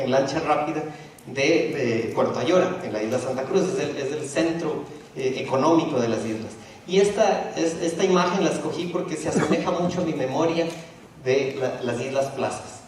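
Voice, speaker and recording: A middle-aged man from Ecuador, his voice fairly high and a little mellow, presents a talk at a university auditorium. He hesitates, restarts frequently and leans on fillers, heard from a distance in an echoey hall with a little hiss or hum.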